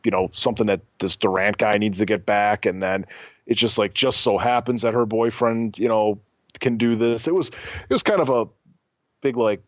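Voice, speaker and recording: A man with a fairly low voice co-hosts a casual film review podcast, rambling through his thoughts with plenty of fillers and restarts. The recording is dull and lo-fi, with a dry, close sound and no room echo. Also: normal speed. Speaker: podcast co-host.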